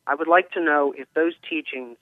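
A man calling a radio show, speaking in a measured, hesitant way with many pauses and ums. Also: on the high side, dry recording. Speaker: caller. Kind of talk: call-in radio talk. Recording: tinny phone line, dry.

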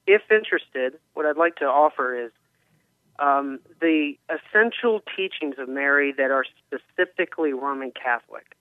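A man calling a radio show, speaking in a measured, hesitant way with many pauses and ums. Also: mid-range voice, animated, no echo. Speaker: caller. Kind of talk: call-in radio talk. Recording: tinny phone line, dry.

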